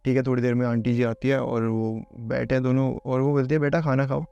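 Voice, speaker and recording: A man's voice: mid-range voice, level tone, brisk, gravelly, dark tone, clear, resonant tone, muffled recording. A man casually narrating a horror storytime, chatty and conversational, calling the listener bhai.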